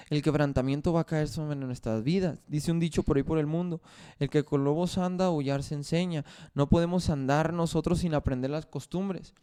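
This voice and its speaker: Pastor, male, sermon delivery, slightly high, warm resonant tone. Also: clean tone. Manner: repeats phrases and scripture references while preaching.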